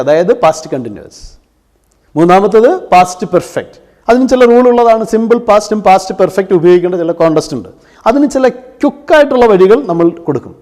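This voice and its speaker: High-pitched male teacher in a reverberant hall. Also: darkish tone. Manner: explains step by step, asks and answers his own questions; mixes English terms into his explanations. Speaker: English grammar teacher for exam coaching. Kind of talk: classroom-style lesson.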